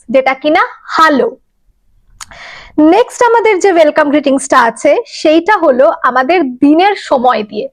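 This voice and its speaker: Female language teacher with a high-pitched voice, relaxed and patient, asks learners questions. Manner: explains slowly, drawn-out German example words. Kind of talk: casual spoken lesson.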